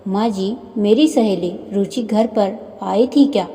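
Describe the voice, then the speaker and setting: A woman voicing a polite young daughter-in-law in a storybook tale, slow and dark-toned with hall reverb. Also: medium pitch.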